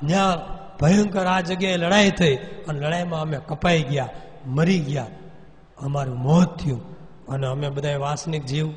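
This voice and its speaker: A man's voice: fairly high pitch, natural voice. A man doing a horde of moaning ghosts. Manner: moaning, pleading, drawn-out cries. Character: wailing horde of ghosts of slain soldiers. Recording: long hall reverb.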